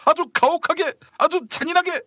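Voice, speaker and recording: A man playing a condescending court minister, high sing-song voice, bright and sharp, satirical period-drama parody. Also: steady tone, a little fast, dry recording. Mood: cheeky. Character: smug, giggling male finance minister, condescending and cheeky. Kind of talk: satirical Joseon-era costume parody.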